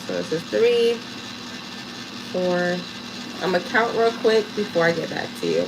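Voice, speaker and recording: A woman's voice: medium pitch, unhurried, noisy background. A woman with a New York accent chatting casually and directly to viewers as she hosts a live craft tutorial. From Harlem, New York, USA. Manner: chatty, addresses listeners directly. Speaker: craft livestream host.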